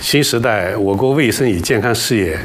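A man's voice: animated, normal speed. A man giving a prepared, formal statement as an interviewee in a news report. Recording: faint low rumble behind voice.

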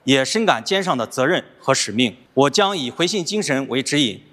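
A man's voice: medium pitch, lively intonation, normal speed, fairly bright tone. A man giving a prepared formal statement as an interviewee, earnest and sounding recited. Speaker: award-winning skilled construction worker interviewee.

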